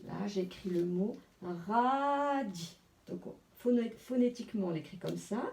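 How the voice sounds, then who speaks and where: A woman teacher with a French accent, giving a slow phonics lesson and carefully sounding out letters and syllables. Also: medium pitch, vocal fry, mellow, distant mic. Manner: slow, deliberate, spelling out sounds.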